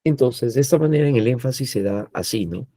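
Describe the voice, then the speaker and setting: A man lectures as a teacher, explaining things patiently and often tagging his sentences with "¿no?" and "eh." His voice is medium-pitched, warm, and lively in intonation, a little fast, recorded with no room sound.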